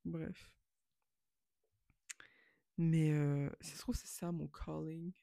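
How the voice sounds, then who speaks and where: A woman's voice: low-pitched, flat delivery, very slow, creaky, dark tone, no echo. A woman in her twenties talking to camera in a casual, rambling and self-mocking monologue that slips in English phrases. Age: 20s. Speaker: vlogger.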